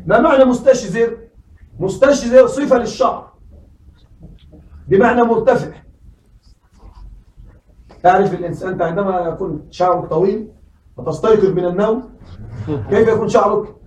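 A man teaching a classroom lesson. He keeps asking his students questions and says words slowly, over and over. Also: high voice, a little mellow, echoey room, distant mic, low-quality recording.

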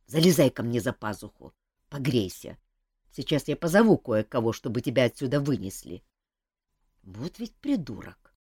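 A woman voicing a gruff adult male hero who grumbles and answers with curt sarcasm. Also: extremely low pitch, big pitch swings, normal speed, dark tone, dry recording, studio quality, full character voice. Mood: grumbling.

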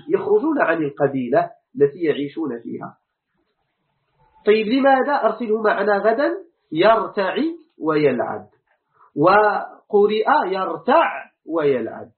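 A man with a Moroccan Arabic accent, teaching a lecture on Quran commentary and explaining step by step, repeating words slowly for emphasis. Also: sits high, phone-quality sound.

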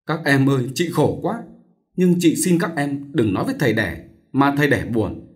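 A man performs the part of a distressed young married woman, an elder sister who weeps and pleads. He raises his natural voice to a medium pitch above his own, speaking at normal speed in an animated, tearful manner.

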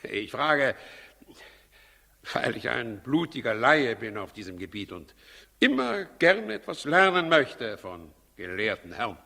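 A man's voice: medium pitch, sing-song, a little slow, vocal fry, pushed and bright, full character voice. An actor in a 1960s German radio play as a scheming, imperious king, theatrical and volatile, swinging between feigned politeness and outbursts. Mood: probing, feigned politeness. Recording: 1960s radio play, long reverberant hall.

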